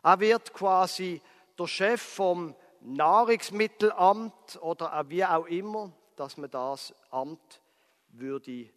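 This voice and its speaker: A man with a Swiss German accent preaching, retelling a Bible story with lively dramatic emphasis. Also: high voice, slow pace. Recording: reverberant hall.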